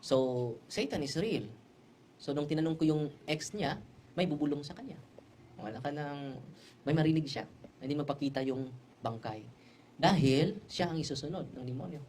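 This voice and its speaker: A man's voice: a little high, normal speed, pauses often, darkish tone, slight background noise. Male priest giving a sermon, tells it like a story, keeps throwing in little tag questions, faint ambience behind. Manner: mixes Tagalog, Cebuano and English. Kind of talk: preaching a sermon.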